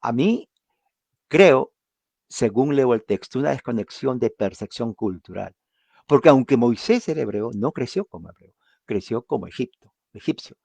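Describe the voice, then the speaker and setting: Male Bible teacher, mid-pitched voice, conversational and animated, dry recording. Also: moderate pace, gravelly, dry recording. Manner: explains with rhetorical questions and acted-out quotes.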